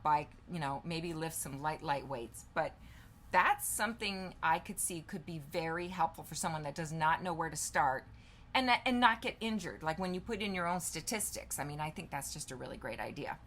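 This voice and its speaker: Chatty woman vlogger in her fifties, bright voice. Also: fairly low pitch, expressive, a little fast, a little hiss or hum. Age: 50s. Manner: chatty, thinks aloud while typing, reads answers aloud. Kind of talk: casual chat while demonstrating.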